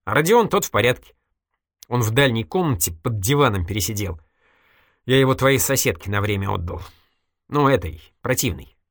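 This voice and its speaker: A man's voice: medium pitch, expressive, moderate pace, no echo, studio quality. A reader voicing an evasive, wisecracking male journalist in an audiobook, ironic and mock-innocent. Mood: wry. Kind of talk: audiobook character voice.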